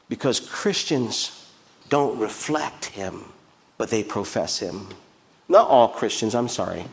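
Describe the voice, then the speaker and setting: A man preaching a sermon as pastor in a church, emphatic, with repeated phrases and rhetorical questions. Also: mid-range voice. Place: church sanctuary.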